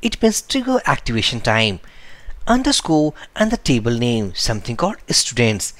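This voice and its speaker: Man giving a lively coding tutorial. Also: medium pitch, moderate pace, dry recording. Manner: explains step by step, correcting himself aloud; nonstandard English phrasing. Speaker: programming tutor. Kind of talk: screen-recorded coding lesson.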